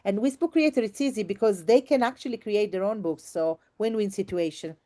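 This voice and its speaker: Speaking briskly with a medium pitch and dark tone, this woman teacher and trainer leads an informal online workshop. Her delivery is effusive and expressive, and she repeats words to stress them.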